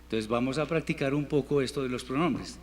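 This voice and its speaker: A man teaching a Hebrew class in Spanish, patiently repeating words slowly for his students. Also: medium pitch. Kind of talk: classroom language lesson. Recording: reverberant hall, faint room noise.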